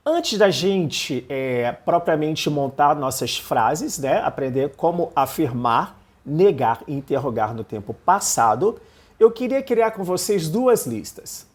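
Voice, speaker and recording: A man's voice: a little high, big pitch swings, takes it slowly. Brazilian guy teaching english online, upbeat, goes step by step and keeps checking in. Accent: Brazilian Portuguese. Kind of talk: online language lesson.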